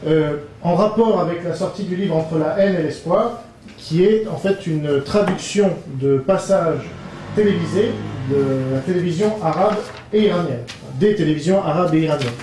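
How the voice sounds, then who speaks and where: A man hosting an event and introducing the guest speaker, halting with many fillers. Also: on the high side, dark tone, soft background music. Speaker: event host. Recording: distant mic in an echoey hall with faint ambience.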